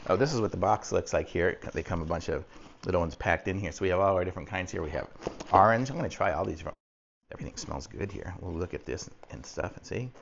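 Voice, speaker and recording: A man's voice: sits low, fast, vocal fry. A man from Texas talking in an easygoing, folksy, rambling way through a casual unboxing review. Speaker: product reviewer. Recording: muffled audio with faint background noise.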